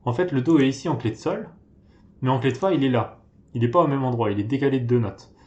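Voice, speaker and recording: A man explains beginner piano, calmly naming notes one by one and counting beats aloud. His voice sits at an ordinary middle pitch. The room carries a clear echo around him. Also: fast, lo-fi sound. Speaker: piano teacher. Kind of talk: step-by-step piano tutorial. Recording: roomy echo.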